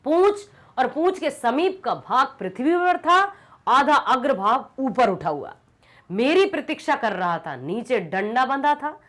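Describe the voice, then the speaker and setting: A woman teacher reads a story aloud and explains it as she goes, stopping to put questions to her students. Her fairly high voice swings widely in pitch, and she tells the story with drama. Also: sing-song, unhurried, fairly bright tone. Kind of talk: reading and explaining a Hindi story lesson.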